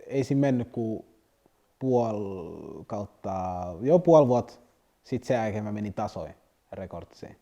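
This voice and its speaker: Young male rapper, rambling anecdotes, dark mellow voice, faint music bed. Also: medium pitch. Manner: loose, rambling slang-heavy telling with restarts. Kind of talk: casual storytelling interview.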